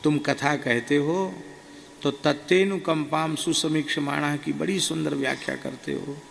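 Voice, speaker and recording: A man voicing an elderly guru who chides a disciple gently but firmly, in a raised, emphatic tone. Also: on the high side, steady tone, unhurried, vocal fry. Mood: chiding. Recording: reverberant hall, faint ambient noise.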